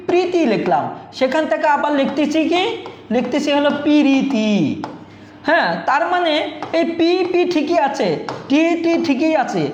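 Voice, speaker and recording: A man teaches an exam-prep grammar lesson, asking the viewers questions and then answering them himself. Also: very high-pitched. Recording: echoey room.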